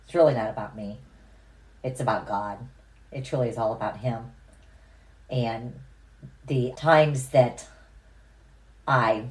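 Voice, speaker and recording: Very deep-voiced calm woman podcaster. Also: low-quality recording. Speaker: podcast co-host. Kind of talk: casual faith-based conversation.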